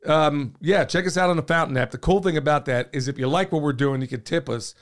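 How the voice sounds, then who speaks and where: A man hosting a casual podcast talks fast in a slightly high voice that's turning hoarse. Folksy and chatty, he rambles, says "y'all," and gestures a lot, sitting in a small indoor studio with headphones and a boom-arm mic.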